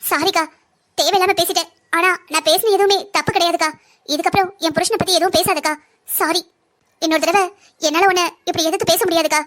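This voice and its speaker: A woman's voice: extremely high pitch, fairly even intonation, fast, a bit bright. A woman voicing a young wife and mother, a doctor, in a family cartoon drama, pleading yet defiant. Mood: firm.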